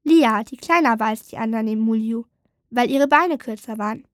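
Calm woman reading a storybook aloud. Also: a little high, moderate pace, dry recording, studio quality. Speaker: narrator.

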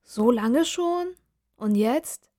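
A woman's voice: on the high side, animated, drawn-out words, mellow, exaggerated voice. A woman reading aloud and voicing a curious, probing young female student in a storybook. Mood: inquisitive. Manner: probing, inquisitive questions.

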